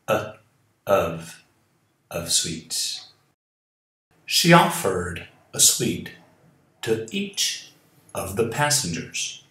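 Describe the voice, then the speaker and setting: A man teaching English to Portuguese speakers, explaining a text slowly and saying the English words aloud again and again. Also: fairly low pitch, a bit bright, echoey room, far from the mic. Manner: slow, deliberate, models English words aloud and repeats them. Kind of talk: language lesson explaining a reading.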